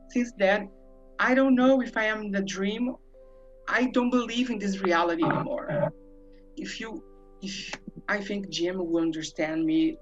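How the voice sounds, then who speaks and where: A woman from Brazil, a native Portuguese speaker, crying as she tells her personal story haltingly to an online forum. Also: lowish voice. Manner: halting, emotional, searching for words. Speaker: forum participant. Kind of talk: emotional personal account. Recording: muffled lo-fi audio with faint music.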